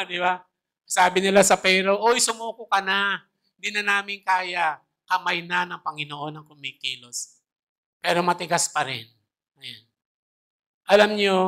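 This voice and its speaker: A woman preacher giving a chatty, animated sermon in a church, asking her listeners questions as she goes. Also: medium pitch.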